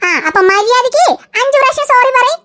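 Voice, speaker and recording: A woman's voice: very high voice, fast talker, a bit bright. A woman voicing a bossy, teasing teenage older sister in a cartoon. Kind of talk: cartoon voice acting.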